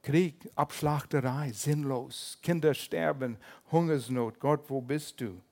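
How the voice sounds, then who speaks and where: An older man preaching a sermon as pastor, lively and humorous, with small slips in his German. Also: medium pitch, slow pace.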